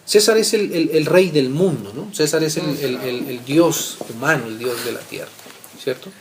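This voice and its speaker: A man preaching a Bible teaching. He reads scripture aloud and keeps checking in with his listeners, moving between loud readings and soft asides. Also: a little high, moderate pace, crowd noise.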